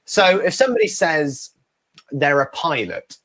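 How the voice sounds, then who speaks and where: A man from the UK, a guest ventriloquist, telling stories in a casual interview, animated and often laughing as he talks. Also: a little high, a little slow. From United Kingdom. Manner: animated, acts out the people in his stories.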